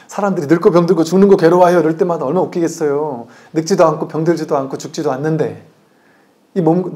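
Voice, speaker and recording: A man's voice: a little high, a little mellow. A man, a Buddhist monk, giving a conversational dharma talk that acts out the voices in his stories and asks the audience questions. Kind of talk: sermon.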